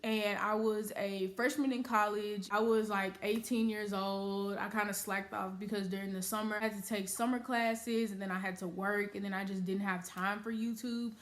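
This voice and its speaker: Young woman, early twenties, casual vlog chat, chatty, mid-pitched voice. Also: steady tone, normal speed, hardly any pauses. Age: early 20s. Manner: chatty, uses "y'all" and "like" often. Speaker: YouTuber.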